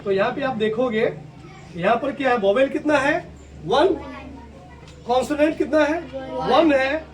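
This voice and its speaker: In a school classroom, a male teacher with a very high-pitched voice gives a grammar lesson at a measured pace, pausing often. He explains step by step, asks questions and answers them himself, and spells words out letter by letter. The recording is distant, with clear background noise.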